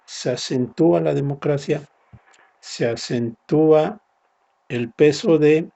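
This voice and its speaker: Gravelly-voiced man lecturing. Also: medium pitch, warm tone, lo-fi sound. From Mexico. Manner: explanatory, frequent tag questions. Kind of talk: recorded university lecture.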